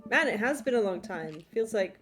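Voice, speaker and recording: A woman's voice: mid-range voice, animated, moderate pace, faint music behind, natural voice. A woman voicing an awkward, eager new dad in a dating game, friendly and fumbling.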